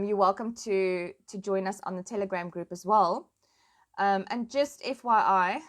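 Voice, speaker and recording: A South African woman chatting casually to her online followers in an informal, plain-spoken and emphatic way. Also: medium pitch. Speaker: online commentator and host. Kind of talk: casual chat to followers, switching between languages.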